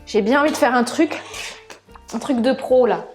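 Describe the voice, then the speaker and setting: A woman's voice: fairly high pitch, moderate pace, faint music behind. A woman hosting a live cooking stream with a put-on southern French accent, chatting casually and thinking aloud as she works in her kitchen, often laughing at her own mistakes. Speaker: cooking channel host.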